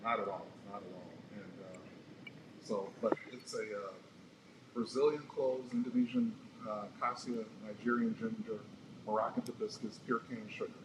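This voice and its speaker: A man co-hosting a radio talk show, teasing and telling jokes with bursts of loud laughter. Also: fairly low pitch, normal speed, roomy sound, far from the mic, background noise. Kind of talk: casual chat.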